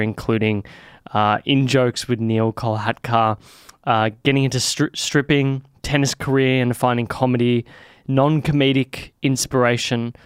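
A man's voice: mid-range voice, clean tone, no echo, studio quality. A man hosting a podcast in a chatty, friendly way. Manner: chatty, friendly, restarts often. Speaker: podcast host. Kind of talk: casual podcast chat.

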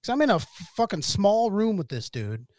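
A man with a slightly raised pitch tells a long, meandering story on a casual podcast, full of profanity and acted-out dialogue. His voice sits close and dry on the mic. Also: very animated, a little fast, a little mellow, no room sound. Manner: rambling anecdote with profanity and quoted dialogue. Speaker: podcast co-host.

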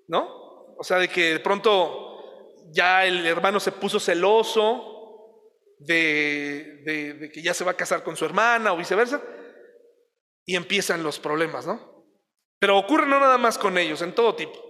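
A man with a Mexican accent preaching a sermon, his voice very high and bright. He talks in a chatty way, asks the listeners questions and acts out everyday scenes. The long reverb of a large hall trails after his words. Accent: Mexican Spanish.

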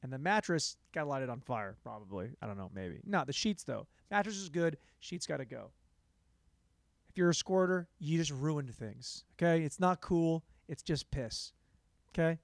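Young male podcast host, sarcastic rambler, fairly high voice, dry studio sound. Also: animated, normal speed, gravelly, no room sound. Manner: sarcastic, self-mocking, jumps between loud bursts and mumbled asides. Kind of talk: rambling solo comedy podcast.

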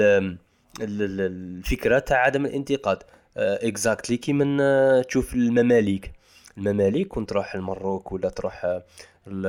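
A man's voice: on the low side, a little mellow. A man co-hosting a casual podcast, pressing his point insistently and mixing in French and English words. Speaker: podcast co-host.

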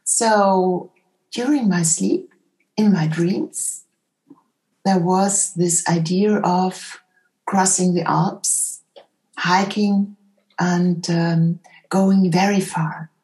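A woman who speaks English as a second language, telling a personal story reflectively in conversation as an interview guest, with hesitant pauses between short phrases. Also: on the low side, fairly even intonation, a little mellow, rough recording. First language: not English.

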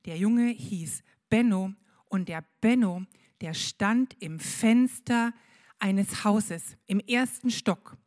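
Slow woman telling a story. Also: medium pitch, darkish tone. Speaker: children's service leader. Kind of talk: storytelling for children in a church service.

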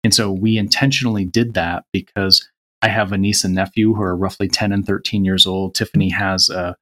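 A man's voice: deep voice, little pitch movement, fairly quick, a bit bright. A man chatting earnestly as a guest on a podcast, reflecting on his life choices. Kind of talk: casual conversation.

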